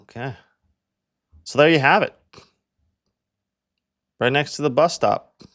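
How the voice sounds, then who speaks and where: A young Canadian man hosts a casual real estate walkthrough as agent and video host, talking in a fairly bright, mid-range voice at a slow pace. He's chatty and full of fillers, especially "like."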